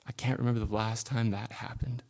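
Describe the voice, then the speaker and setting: A man preaching a sermon in an earnest, confessional way, building from quiet reflection to impassioned emphasis. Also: mid-range voice, flat delivery, a little fast, vocal fry.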